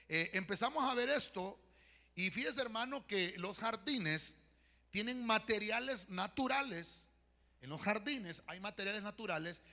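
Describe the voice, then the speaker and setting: A man's voice: high voice, sharp tone. A male pastor with a Honduran accent preaching a sermon and praying aloud, often calling his listeners "hermano" and asking "¿verdad?" between thoughts. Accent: Honduran Spanish. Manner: addresses congregation as "hermano", frequent "¿verdad?" and "eh" fillers. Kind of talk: sermon with spoken prayer. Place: church sanctuary. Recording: long church hall reverb.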